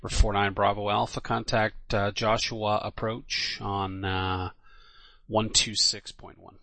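A man's voice: lowish voice, flat delivery, a little slow, vocal fry, bright, forceful tone, dry recording. A man working as an air traffic controller, giving clipped, official radio instructions.

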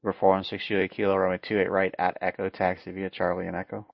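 A man's voice: sits low, flat delivery, quick pace, vocal fry, dry recording. A man working as an air traffic controller, giving clipped, procedural radio instructions. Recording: dull, lo-fi radio sound.

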